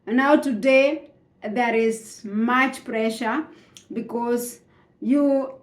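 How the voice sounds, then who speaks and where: Speaking with drawn-out words in a slightly high voice, this Kenyan immigrant, a native Swahili speaker, slowly reflects on her personal journey. She hesitates, uses lots of fillers, and restarts sentences, all in a roomy-sounding space.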